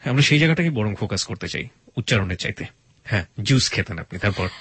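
Fast-talking husky male interviewer. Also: fairly low pitch, lively intonation, a bit bright, no room sound. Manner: quick, prompting with frequent agreeing murmurs. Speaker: host.

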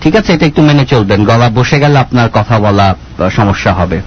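A man hosting a radio prank call, giving instructions in a calm, measured way with small hesitations. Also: mid-range voice, a little hiss or hum. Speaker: radio prank show host. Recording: dull lo-fi radio phone recording.

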